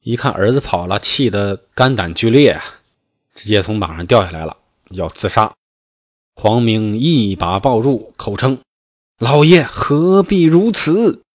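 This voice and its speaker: A man reading a classical novel aloud and explaining it in colloquial speech, with lively, folksy asides. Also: on the low side, moderate pace, no room sound. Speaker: storyteller. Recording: dull, dry lo-fi recording.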